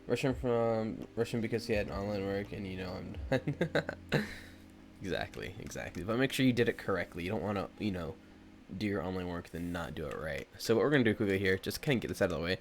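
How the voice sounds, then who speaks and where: Low-pitched and brisk with lively intonation, a stuffy-nosed young streamer rambles to his viewers as he sketches at home, packing his talk with fillers. A slight hiss or hum runs under the recording.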